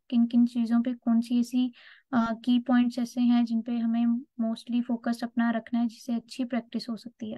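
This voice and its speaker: A woman's voice: a little high, no room sound. A woman teaching a test-prep lesson, explaining step by step and often checking in with her students. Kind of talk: online lecture. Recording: dull lo-fi dry recording.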